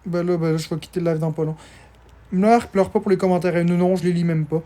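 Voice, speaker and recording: A man's voice: sits high, fairly even intonation, fast, mellow. A man, tired, chatting casually on a live stream as he answers viewer comments and thanks people for gifts.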